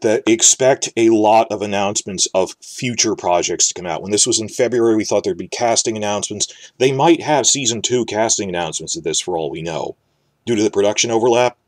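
Low-voiced man rambling through commentary. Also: brisk, no echo. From New York area. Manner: rambling, restarts words, speculative. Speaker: fantasy TV commentator. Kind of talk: casual solo commentary.

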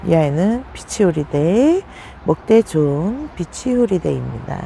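Her voice gravelly and very animated yet measured in pace, this succulent vlogger chats her way through a casual tour of her collection. She exclaims over each plant with abrupt high gasps, against background noise.

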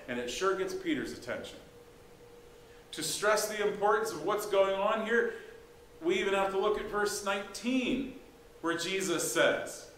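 Man, pastor, conversational sermon, rhetorical questions, slightly high voice, roomy church sound, faint hiss. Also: fairly bright tone. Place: church sanctuary. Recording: echoey church room, faint background hiss.

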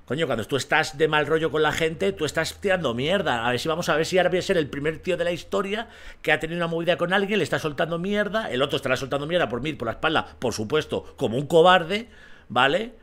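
Blunt, foul-mouthed Spanish streamer. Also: male voice, a little high, lively intonation, fast, fairly bright tone. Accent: Spain Spanish. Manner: blunt, profane and combative; keeps asking the audience for agreement. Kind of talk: ranting livestream commentary.

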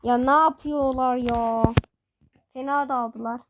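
High, excitable young gamer shouting commentary. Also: takes it slowly, dull audio, noisy background. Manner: excitable, repeats phrases, shouts urgent commands at the screen. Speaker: gaming channel host. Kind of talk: excited live gameplay commentary.

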